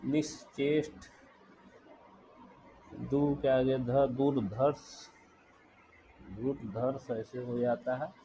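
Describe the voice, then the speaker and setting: A man teaching a spelling lesson, dictating words slowly and repeating each one deliberately. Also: mid-range voice, steady tone, dark tone, dull audio, slight background noise.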